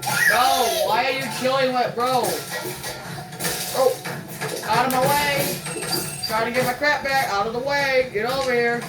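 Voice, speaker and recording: A young gamer with a high voice talks slowly and trash-talks opponents in loud bursts. The voice sits far from the mic in a roomy, echoing space, with loud game music behind it. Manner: excitable trash talk, shouted taunts. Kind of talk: let's play commentary.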